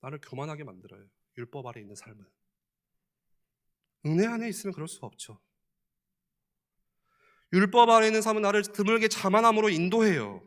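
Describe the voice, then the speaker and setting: A man's voice: high voice, lively intonation, brisk, pauses often. A male pastor preaching a sermon in a church, in a conversational style, asking the listeners many questions and chuckling often.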